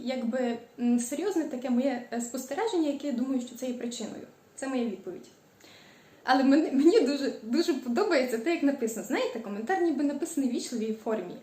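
A woman's voice: fairly high pitch, mellow. Woman who drags out word endings, echoey kitchen. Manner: frequent hesitant fillers. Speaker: cooking vlogger. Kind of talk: casual home cooking vlog. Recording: echoey room.

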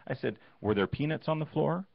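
A man hosting a casual interview show, telling stories with animated restarts. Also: fairly high pitch, a little fast, vocal fry, dry recording. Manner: animated storytelling, many restarts. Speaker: show host. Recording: dull lo-fi sound.

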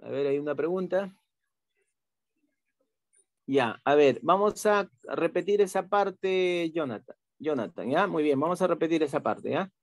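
A man teaching an online class, patiently walking through software steps, repeating himself and checking in with tag questions. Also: fairly high pitch, expressive, a little slow, dry recording.

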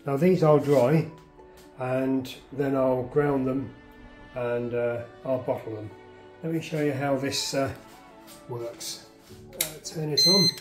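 A man's voice: medium pitch, fairly even intonation, slow, roomy sound, soft background music. A man giving plain, practical, chatty instructions on drying garden herbs at home. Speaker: gardener showing how to dry herbs. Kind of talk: casual how-to demonstration. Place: home kitchen, indoors.

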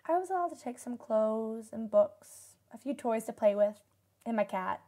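In a radio drama, a young adult woman with a warm, animated, fairly high voice plays a solemn nineteen-year-old disaster survivor giving testimony. She speaks at a moderate pace, in a somber, reflective mood.

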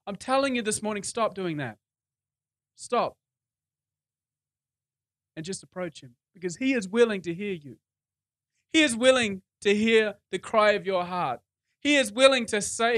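A man's voice: extremely high pitch, fairly bright tone. A man preaching a sermon in church, conversational, repeating phrases for emphasis. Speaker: pastor.

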